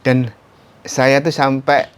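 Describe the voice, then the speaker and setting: A man telling his story as an interview guest, animated, often breaking into sudden high exclamations and ending phrases with a polite "Mas". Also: slow, smooth. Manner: tags sentences with "Mas". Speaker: interview guest, stroke survivor.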